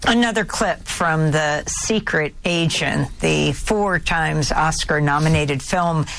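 A woman's voice: sits low, slow pace, creaky, a bit bright, a little hiss or hum, low-quality recording. A woman presenting clips and putting questions as an interviewer.

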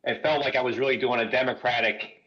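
A man phones in to a talk show over a muffled headset line, and his voice sounds as though it's run through a voice modulator. He speaks hesitantly and quickly in a mid-range voice with fairly even intonation, chuckling between words.

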